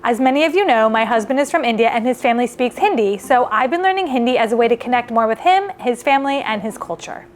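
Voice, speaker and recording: A woman's voice: on the high side, expressive, quick pace, few pauses, a little hiss or hum. A woman hosting a casual cooking vlog, chatty and upbeat, thinking aloud as she cooks. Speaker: cooking video host.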